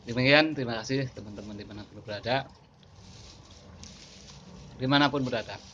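A man's voice: medium pitch, brisk, bright, forceful tone. A middle-aged man chatting casually to his phone as a vlogger, repeating phrases and exclaiming often. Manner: repeats phrases, many exclamations and religious thanks. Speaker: vlogger hosting a lunch video. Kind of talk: casual selfie vlog chat. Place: small indoor room. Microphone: phone at arm's length. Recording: muffled, noisy handheld phone recording.

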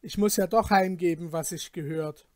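A man's voice: sits high, normal speed, darkish tone, no room sound, clean studio sound, natural voice. A man voicing a composed young student who speaks up among travellers at an inn, in a storybook reading. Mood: calm. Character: young male student, calm and clever.

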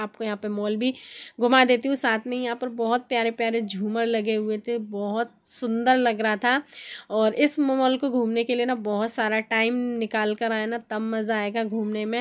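A woman in her thirties talks through her family vlog in a chatty voice-over. Her voice sits a little high but stays quite flat in pitch, and she gushes warmly over everything she shows. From India. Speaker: family vlogger.

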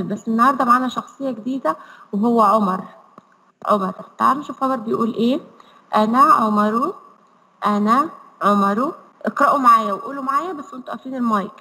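A woman with an Egyptian Arabic accent teaches an online reading lesson over a video call, slowly sounding out words syllable by syllable. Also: high voice, sharp tone, in a large hall, poor audio. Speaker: primary school Arabic teacher.

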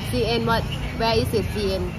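High-pitched Thai-accented woman, noisy street bar. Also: steady tone, moderate pace. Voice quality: giggly, broken English. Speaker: livestream host at a bar. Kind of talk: casual livestream chat. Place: open-front roadside bar at night. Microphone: phone at arm's length. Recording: noisy outdoor street bar, traffic and chatter.

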